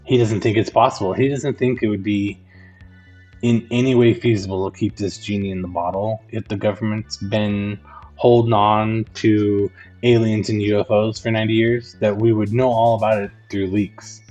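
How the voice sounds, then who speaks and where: A man's voice: lowish voice, level tone, moderate pace, a little mellow, highs cut off, soft background music. A man hosting a podcast, giving casual rambling commentary full of "like" fillers. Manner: rambling, conversational, with frequent "like" fillers. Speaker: podcast host.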